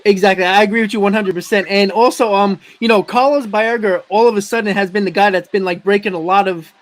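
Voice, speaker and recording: A man with a high-pitched voice hosts a casual sports fan show. He sounds sick with the flu, his throat froggy and congested. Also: fairly even intonation, fast. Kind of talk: casual baseball fan talk.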